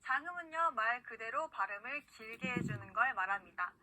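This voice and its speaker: Woman, language teacher, online lesson, patient, slow model words, high voice, very bright tone. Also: animated, rough recording. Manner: patient, repeats words slowly for the learner to copy. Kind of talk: scripted online pronunciation lesson.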